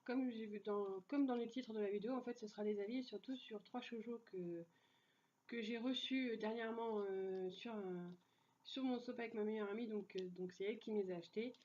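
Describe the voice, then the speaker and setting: A woman's voice: a little high, fairly even intonation, brisk, a little mellow, highs cut off. A young woman casually reviewing manga in a vlog, full of fillers and restarts, and enthusiastic about what she likes. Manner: hesitant, many fillers and restarts; enthusiastic, laughs easily.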